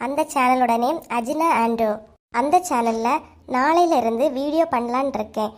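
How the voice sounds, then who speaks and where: A woman with a Kanyakumari Tamil accent talks to her viewers. Her voice sits high, and her talk is casual and thankful. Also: moderate pace, a little mellow. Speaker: channel owner and narrator. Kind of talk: casual channel greeting.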